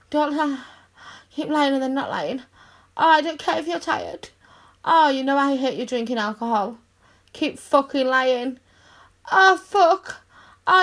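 A woman performing a scripted roleplay monologue in a teasing, commanding, dominant manner, with breathy sighs. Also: high voice.

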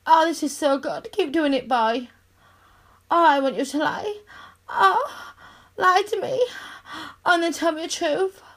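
A woman with a somewhat high voice delivers a scripted roleplay monologue. She speaks slowly and deliberately, teasing and giving orders in a dominant way. Breathy sighs and drawn-out sounds run through her speech. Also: fairly bright tone. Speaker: audio roleplay performer.

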